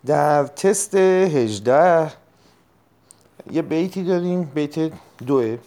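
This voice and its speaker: Guy going over grammar test answers, mellow low-key voice, lots of uh and throat clearing. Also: lively intonation. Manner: explains step by step, repeats key terms; frequent throat clearing and hesitations. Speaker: teacher. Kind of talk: recorded test-prep lesson.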